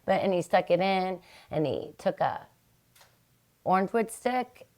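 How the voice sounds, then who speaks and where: A middle-aged woman, hosting a podcast and telling a rambling story in casual chat, her pitch jumping when she gets excited. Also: a little slow. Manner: chatty, rambling storyteller with animated jumps in pitch. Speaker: podcast host.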